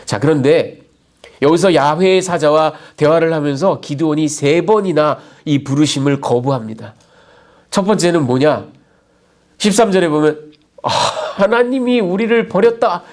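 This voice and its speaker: A man's voice: on the high side, normal speed, darkish tone. A male pastor preaching a sermon in a conversational way, often checking in with his listeners through rhetorical asides.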